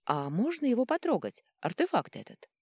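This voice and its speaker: A woman's voice: on the high side, moderate pace, husky, no echo, clean studio sound, voice pushed up. Woman doing an eager young gnome girl. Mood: curious. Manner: eager, excitable. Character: impulsive curious young female gnome. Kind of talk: audiobook reading.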